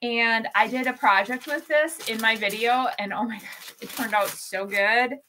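A woman's voice: fairly high pitch, moderate pace, bright, forceful tone, a little hiss or hum, low-quality recording. A woman hosting a casual craft livestream, bubbly and chatty, greeting viewers by name with lots of ums. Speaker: craft shop livestream host. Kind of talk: casual live-stream chat.

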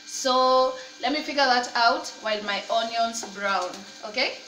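A slightly high, slightly slow, sharp-toned woman in her thirties chats cheerfully while cooking in her home kitchen, with slight background noise. This cooking vlogger and mother is upbeat and encouraging toward viewers, mixing in faith talk. Her laptop or phone camera sits at desk distance, giving a roomy, slightly distant sound with faint ambience.

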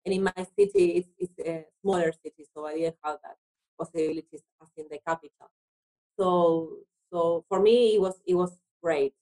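In a conversational interview, an Argentine guest with Spanish as her native tongue speaks halting English in her Argentine accent, often repeating words. Her lowish, warm voice holds a steady tone at normal speed, captured in a low-quality recording.

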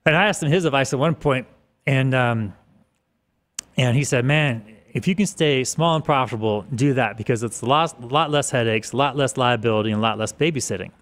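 A man in his mid-forties, a guest in a podcast interview, talking casually in a rambling way with restarts, on a desk boom mic in an office studio. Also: a little fast, fairly bright tone. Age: 40s. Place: office studio with large windows.

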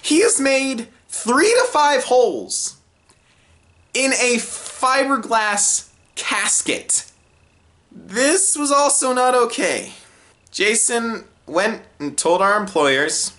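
Animated young man telling a story. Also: slow. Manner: expressive, swings from low deadpan asides to high exasperated outbursts.

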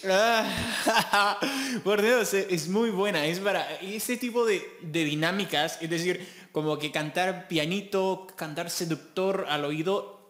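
Excitable man gushing over a song. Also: high-pitched, slow pace, soft background music. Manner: gushing, excitable, laughs often. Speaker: music reaction youtuber. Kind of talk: excited music reaction commentary.

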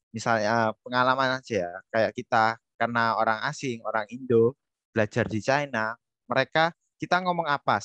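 A man's voice: medium pitch, a bit bright, no echo. A man with a mid-range voice speaks on an academic panel. He stresses his points and asks rhetorical questions. The recording is dry with no room sound. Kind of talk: casual academic discussion.

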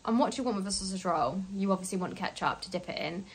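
Brief: young woman, casual phone vlog, rambling and chatty, mid pitch. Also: fast talker, low-quality recording. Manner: chatty, rambling, lots of fillers. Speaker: vlogger. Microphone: handheld phone.

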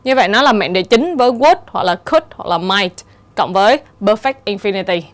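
A woman teacher giving a steady, explanatory exam-prep lesson and reading the answer options aloud. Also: medium pitch, normal speed. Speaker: English teacher.

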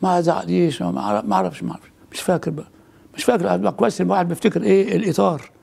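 Gravelly fast-talking older Egyptian priest. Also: male voice, sits high, steady tone, darkish tone. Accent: Egyptian Arabic. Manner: rapid, halting retelling with many restarts and repeated words. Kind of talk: casual storytelling in a conversation.

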